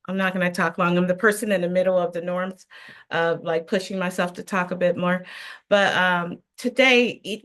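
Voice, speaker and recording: A woman's voice: on the low side, fairly bright tone. A woman on a panel recounting a workplace conflict in an earnest, emphatic way, heard over a video call. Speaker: panelist, education worker. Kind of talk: personal story on a panel.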